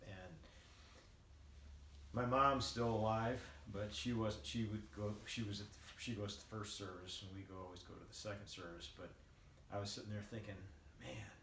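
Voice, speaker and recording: Older male vlogger, lowish voice, unhurried and hesitant, musing on faith; roomy sound. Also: steady tone, a bit bright. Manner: halting, hesitant, reflective. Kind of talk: casual devotional reflection, rambling monologue. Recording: roomy, distant mic, faint background noise.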